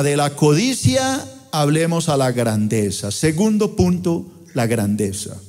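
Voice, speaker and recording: A middle-aged man from Colombia with a Colombian accent, preaching a sermon as pastor with impassioned delivery and sweeping swings in pitch. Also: darkish tone. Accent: Colombian Spanish. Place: large church auditorium. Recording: long hall reverb in church auditorium.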